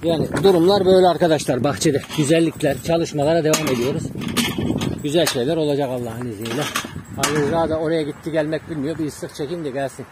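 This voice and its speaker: A man's voice: a little high, fairly even intonation, fast talker. Chatty man vlogging in a noisy garden. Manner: chatty, addresses viewers as friends, shouts dog commands. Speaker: pigeon breeder vlogger. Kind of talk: casual vlog talk to viewers. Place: outdoor garden with dogs.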